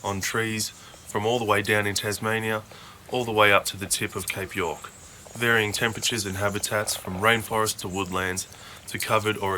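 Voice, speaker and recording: A man reading a measured, scripted nature documentary voice-over. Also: fairly low pitch, sharp tone, a little hiss or hum. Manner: measured, informative delivery. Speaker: documentary narrator.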